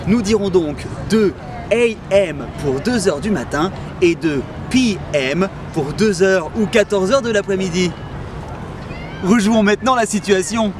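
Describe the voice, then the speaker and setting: With crowd noise filling a noisy background, a man with a high-pitched voice hosts a parody language lesson. He plays a comedic teacher, speaking a little slowly in a mock-earnest, cheeky manner.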